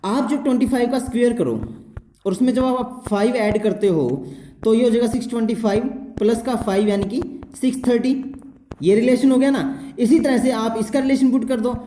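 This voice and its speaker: A man's voice: very high-pitched, steady tone, fairly quick, mellow. Man teaching at a whiteboard, echoey room. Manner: step-by-step explaining, keeps checking with "theek hai". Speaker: reasoning teacher. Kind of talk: whiteboard exam-prep lesson. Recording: echoey room with faint noise.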